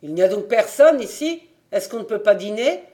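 A man reading an audiobook, voicing a loud, blunt, impatient working man eating in a café. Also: fairly high pitch, very animated, measured pace. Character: loud blunt working-class diner customer.

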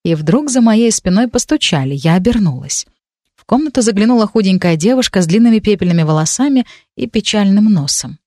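A woman narrating a fantasy audiobook in the first person with measured, steady reading. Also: mid-range voice, dry recording, studio quality.

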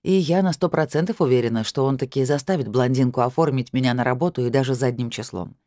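A calm, measured audiobook reader tells a first-person story with dry irony. The voice is mellow and dark, sits at a middle pitch, and is recorded close and dry. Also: dry recording. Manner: calm, measured, dryly ironic.

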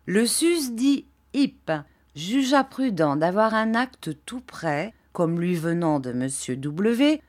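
A woman voicing a pompous middle-aged gentleman who declaims an accusing letter in a florid manner. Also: mid-range voice.

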